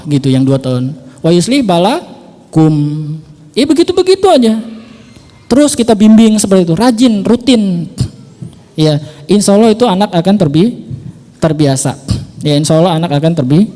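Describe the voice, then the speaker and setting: A man's voice: high-pitched, warm tone, long reverb tail. A man talking casually about teaching his young son, repeating his phrases and using Islamic terms of address. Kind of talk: casual explanatory talk.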